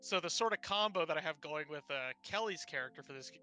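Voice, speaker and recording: A man's voice: a little high, expressive, fast talker, bright, forceful tone, faint music behind. A man playing in a tabletop game, enthusiastically explaining his character's abilities in detail. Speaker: player.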